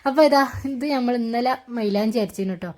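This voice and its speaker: A young mother chats casually in a family vlog at home indoors, explaining each step as she goes. She talks fast, in a fairly high voice with a dark tone, and there's slight background noise.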